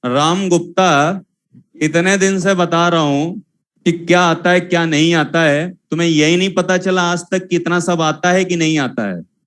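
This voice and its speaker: High-voiced man scolding a class. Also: unhurried, a bit bright, clear, resonant tone. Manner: scolding, repetitive, lecturing students. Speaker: teacher. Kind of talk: classroom lecture.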